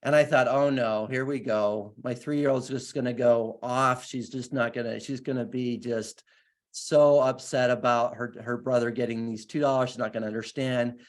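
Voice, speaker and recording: A man's voice: medium pitch, fairly even intonation, moderate pace. A man speaking as a guest, giving an earnest, enthusiastic motivational talk and then answering questions, often restarting his sentences.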